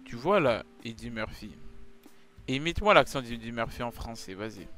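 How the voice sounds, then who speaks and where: A man hosting a comedy chat, pleading and insistent, swinging from mumbles to shouts. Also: medium pitch, expressive, normal speed, faint music behind. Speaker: YouTuber host.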